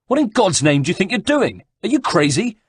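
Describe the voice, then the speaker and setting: Guy putting on a panicky coachman yelling way up high, husky. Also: very animated, fairly quick, dry recording, clean studio sound, heavily acted. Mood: alarmed. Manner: yelling in alarm. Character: panicked male coachman, adult.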